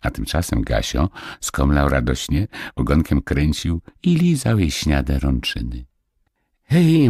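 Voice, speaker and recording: A man narrating a fairy-tale audiobook with expressive storytelling. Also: very deep voice, slightly rough, no echo, clean studio sound.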